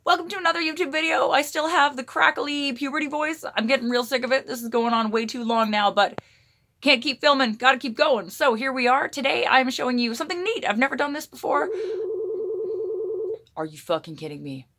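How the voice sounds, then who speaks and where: A YouTube vlogger with a high, animated, brisk and fairly bright voice that crackles slightly chats through a blooper vlog. She's joking and sarcastic, and she swears often.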